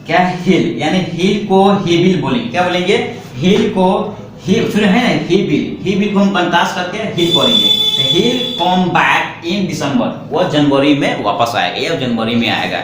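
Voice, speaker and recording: A man teaching a spoken English lesson in Hindi. He asks questions and answers them himself, and he slows right down for the English example sentences. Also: on the high side, lively intonation. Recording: echoey room with faint background noise.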